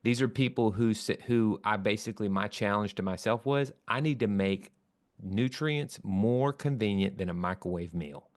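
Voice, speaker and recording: A man's voice: on the low side, moderate pace. A man, an inventor, earnestly telling in an interview how he came up with his product, rambling a little and restarting his sentences. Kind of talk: casual storytelling interview answer.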